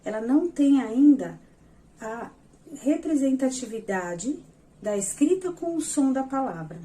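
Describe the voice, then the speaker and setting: Patient woman explaining slides, mellow voice. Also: high voice, animated, unhurried. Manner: patient, explains step by step, addresses viewers directly. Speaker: educational psychologist teaching. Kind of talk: explanatory lesson over slides.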